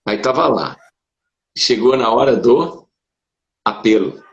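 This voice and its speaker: A man, a Brazilian pastor, telling his conversion story in a casual conversation, animated and emotional, with sudden leaps up in pitch. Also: slow, vocal fry. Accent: Brazilian Portuguese. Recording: dull roomy sound.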